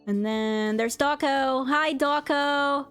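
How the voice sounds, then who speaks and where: A woman's voice: high-pitched, slow, a bit bright, faint music behind. A woman streamer chatting casually and rambling, with lots of fillers and restarts. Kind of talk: casual chat recounting a convention.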